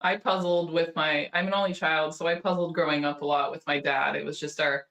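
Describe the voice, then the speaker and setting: A woman's voice: low-pitched, steady tone, a little fast, a bit bright, reverberant. A woman from California, a guest speed puzzler, chatting upbeat on a video call. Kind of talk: casual video call chat.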